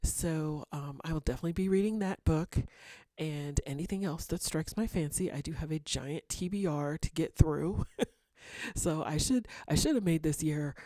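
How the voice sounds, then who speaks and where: A woman vlogger chatting casually to camera, rambling a little, with fillers and soft laughs. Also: sits low, normal speed, dry recording. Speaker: writer and vlogger.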